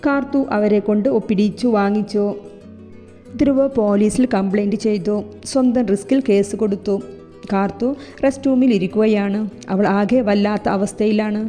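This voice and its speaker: A woman narrating a romantic audio novel, reading every character's lines in a steady storytelling voice. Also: medium pitch, moderate pace. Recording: long hall reverb with soft instrumental music.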